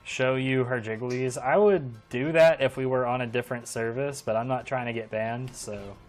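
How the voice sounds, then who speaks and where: A man streams a game and talks casually into a desk mic, his pitch sitting in an ordinary middle range. He jokes dryly and swears freely. Faint game music plays under his voice. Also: steady tone, normal speed. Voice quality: swears freely, dry joking banter. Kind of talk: casual live-stream chat while gaming.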